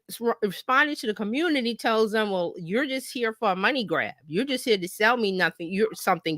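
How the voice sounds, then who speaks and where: She's a marketing coach teaching informally over a live stream, animated and conversational, playing out imagined remarks and asking how listeners are following. Her pitch is medium, and the clean studio recording has no room sound.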